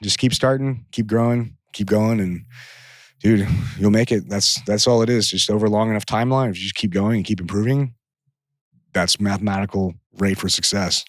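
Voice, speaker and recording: A man's voice: lowish voice, fairly even intonation, moderate pace, no room sound, studio quality. A man co-hosting a podcast, talking casually and laid-back, with plenty of swearing and rambling asides. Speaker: podcast co-host.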